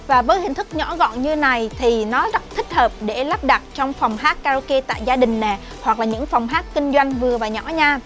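A woman's voice: high voice, moderate pace, few pauses, fairly bright tone, faint music behind. A woman presenting a product review for a shop in a friendly, chatty sales manner. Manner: chatty, friendly sales talk with frequent "nè" and "nha".

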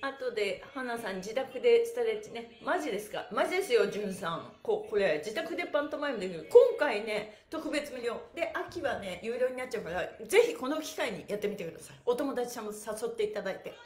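A middle-aged woman with a slightly high voice runs a lively livestream exercise class, teaching pantomime and stretching at a quick clip with few pauses. She's chirpy, animated and encouraging, exclaiming often and laughing a lot. Her device mic sits a step or two away in a small bare room, so the sound is roomy.

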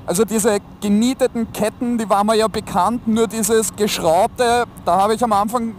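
High-voiced Austrian man talking inside a helmet. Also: steady tone, moderate pace. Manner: colloquial, slangy. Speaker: motorcycle vlogger. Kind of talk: casual chat to viewers while riding. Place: inside a motorcycle helmet, riding outdoors on a motorway. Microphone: helmet-mounted mic. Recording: enclosed helmet sound, road noise. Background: motorcycle and traffic noise.

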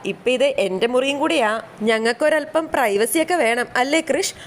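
A woman's voice: high-pitched, moderate pace, lightly acted. A woman voicing a haughty, scolding young wife. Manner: condescending, lecturing.

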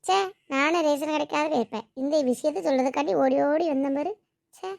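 A woman's voice: high voice, fast, gravelly, a little mellow, dry recording. A woman doing a nosy, grumbling village gossip. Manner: chattering, self-pitying grumbling.

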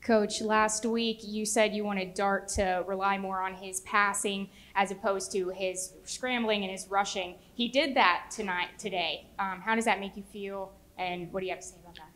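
A woman at an ordinary middle pitch puts a question to a coach at a press conference. She speaks slowly and carefully. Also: fairly even intonation, fairly bright tone. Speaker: reporter.

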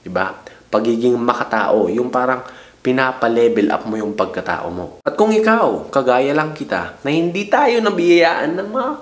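A young man with a mid-range, very animated voice vlogs casually at a normal pace, joking to the camera as he hands out playful, slangy dating tips and teases his viewer. The room he's in sounds echoey.

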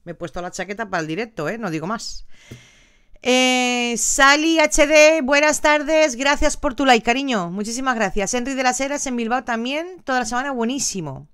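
A woman's voice: a little high, moderate pace, a bit bright, clear, resonant tone, no echo, clean studio sound. Chatty older woman greeting viewers. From Valencia, Spain. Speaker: live stream host reading viewer comments. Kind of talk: casual live chat.

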